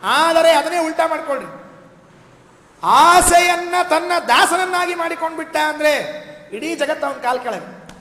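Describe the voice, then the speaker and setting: High-voiced man preaching in echoey hall. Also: sharp tone. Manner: storytelling, chants verses slowly. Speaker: religious discourse speaker. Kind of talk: scripture discourse with sung verses. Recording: echoey hall, faint noise.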